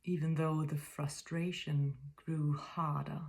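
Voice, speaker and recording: Speaking with a Danish accent, this woman from Denmark, aged in her fifties, has a low-pitched, creaky voice and a level tone. Her spiritual monologue is reflective, soft and frequently whispery, broken by pauses while she hunts for the right words.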